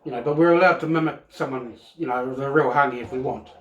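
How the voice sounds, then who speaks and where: A man's voice: mid-range voice, quick pace, highs cut off. A middle-aged man with a Maori New Zealand accent, giving a casual cooking demonstration in a laid-back, rambling, colloquial way. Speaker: home cook presenting a cooking video. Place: home kitchen, indoors. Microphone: phone camera across the counter. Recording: echoey kitchen, camera at a distance.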